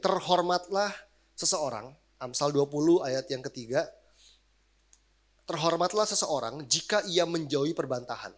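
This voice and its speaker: A man, a pastor giving a casual sermon, animated and slangy in his asides. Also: on the high side.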